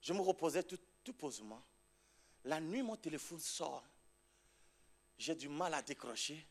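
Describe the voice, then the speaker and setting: A man preaching as a pastor in a church on a microphone, shouting exhortations and dropping to a low storytelling voice, laughing as he tells his story. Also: lively intonation, unhurried. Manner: laughs while telling the story. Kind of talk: charismatic preaching with testimony. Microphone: handheld or stand mic.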